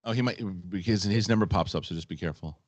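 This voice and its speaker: A man's voice: on the low side, fast, no room sound, muffled recording. A man hosting a casual live stream, explaining things and often repeating his phrases. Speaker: live show host.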